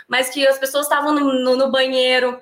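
A woman professor talking in a lively class discussion, often adding tag questions and acting out quoted lines. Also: sits high, normal speed, roomy sound. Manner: animated, tag questions, acts out quoted speech. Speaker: university professor.

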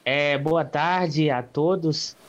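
A man with a fairly high voice answers interview questions about his work as a documentary filmmaker. He talks hesitantly, filling pauses and restarting phrases, and his audio sounds dull and lo-fi. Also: noisy background. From Bahia, Brazil. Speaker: guest, documentary filmmaker and student.

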